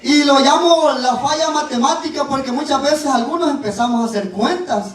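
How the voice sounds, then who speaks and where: A male preacher giving a sermon with Bible reading, dropping in "¿verdad?" and "eh" and drawing out key words slowly. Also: very high-pitched. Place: church. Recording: very echoey, voice far from the mic.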